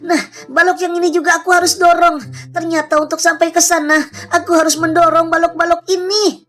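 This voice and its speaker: Very high-voiced woman narrating a roleplay. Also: little pitch movement, fairly quick, a bit bright. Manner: anxious, talks to herself, calls out repeatedly. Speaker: roleplay narrator voicing a young girl. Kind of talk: roleplay narration over game footage. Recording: faint background music.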